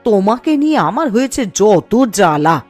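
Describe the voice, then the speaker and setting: Acting in a Bengali cartoon story, a woman voices a principled village mother who scolds and nags in a homely way, sounding exasperated. Her mid-range voice is sing-song and a little mellow at a moderate pace, close to an everyday voice. Background music plays behind her.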